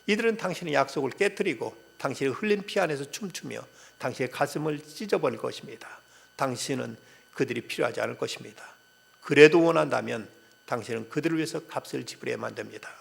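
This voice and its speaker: A scheming male devil in a sermon story, as a pastor acts him out, turning down each offer with quick, dismissive retorts. The voice is heavily gravelly and husky, set at a middle pitch. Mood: defiant. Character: cold scheming male devil who bargains. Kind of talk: acted quote within a sermon.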